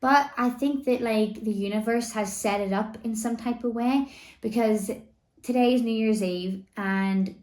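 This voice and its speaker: Chatting casually to camera in a room at home, a woman vlogger rambles with lots of "like" and "you know," her voice still slightly worn as she recovers from laryngitis. Her voice is a little high and a little mellow, she keeps a measured pace, and the sound is roomy.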